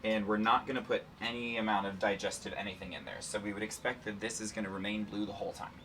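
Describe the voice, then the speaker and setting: A man's voice: fairly low pitch, steady tone, fast, fairly bright tone, far from the mic, slight background noise. A man hosting a playful, casual science lesson and talking through an experiment. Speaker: science show host and demonstrator.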